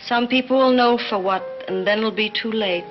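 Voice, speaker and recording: An actress playing a sulky, theatrically doleful young heiress in 1930s screwball comedy banter. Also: female voice, on the high side, normal speed, dull audio, natural voice. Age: young adult. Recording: band-limited 1930s film soundtrack with music.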